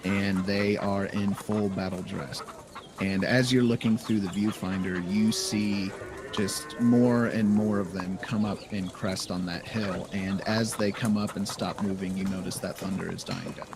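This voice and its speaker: A man's voice: on the low side, fairly even intonation, unhurried, over music. A man as dungeon master, improvising the story and explaining rules in a loose, casual way, over a noisy recording. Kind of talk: improvised tabletop game narration. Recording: noisy home podcast recording.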